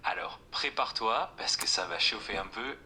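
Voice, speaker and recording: A calm, overly nice male text-to-speech voice of an AI chatbot, answering in a reassuring tone. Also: lowish voice, normal speed, slight background noise.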